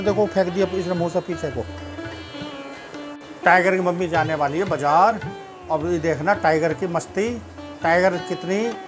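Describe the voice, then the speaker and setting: A man chatting casually at home, narrating his pet dog's antics and talking fondly to the dog. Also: on the high side.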